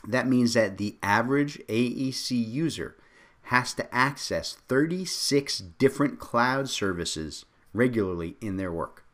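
A man co-hosting a podcast in casual discussion, lively and joking, often tagging his points with questions. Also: mid-range voice, measured pace. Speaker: podcast co-host.

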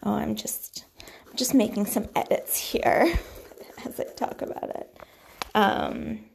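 A woman's voice: mid-range voice, wildly swooping pitch, slow pace, creaky, whispered. A young woman hosting a casual solo podcast, rambling and hesitant, with lots of fillers. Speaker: podcast host.

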